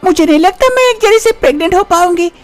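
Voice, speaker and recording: A woman's voice: very high voice, expressive, fast, no echo. A woman voicing an anxious young wife in a cartoon story, who pleads and worries. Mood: worried. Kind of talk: storybook voice acting.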